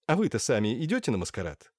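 A man voicing an excitable, jumpy young male painter in an audiobook. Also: mid-range voice, fast talker, no room sound, studio quality. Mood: eager. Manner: eager, jumpy. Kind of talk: audiobook character voice.

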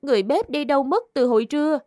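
A high, deferential young woman, voiced by a woman, pleading her case to an official. The voice is close and dry, with faint music behind it. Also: expressive, fast talker, dark tone, no room sound. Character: young woman accused of murder, earnest and polite.

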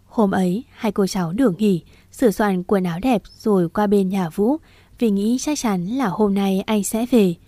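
Mellow-voiced woman narrating a story. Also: mid-range voice, moderate pace, no echo. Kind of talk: audiobook narration.

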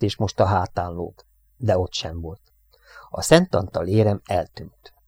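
Low-voiced male audiobook reader. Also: a little mellow, no room sound, studio quality. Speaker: audiobook narrator. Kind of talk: audiobook narration.

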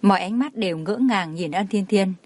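A woman narrating a dramatic story as an audiobook in a steady reading voice. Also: mid-range voice, moderate pace, no echo.

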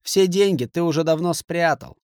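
A hot-tempered middle-aged businessman who barks and shouts, his voice pushed well above the reader's own, as a male narrator puts him on. It is heard in a dry, close audiobook recording with no room echo. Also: fairly high pitch, normal speed, clean tone, pitched above the performer's own voice, close to an everyday voice. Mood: angry. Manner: raised, shouting, forceful.

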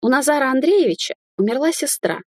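A woman voicing a soft-spoken, anxious young staffer. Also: sits high, lively intonation, fairly quick, no room sound, studio quality, pitched above the performer's own voice. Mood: gentle. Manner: soft, coaxing. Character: young female hotel staffer, gentle and anxious.

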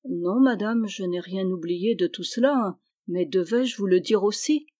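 A woman reading aloud and voicing a shy, earnest young male pilgrim in a soft, hesitant manner. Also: medium pitch, unhurried, close to an everyday voice.

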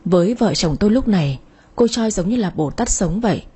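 A woman narrating a sad first-person story in a soft storytelling manner. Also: mid-range voice, animated, brisk, husky.

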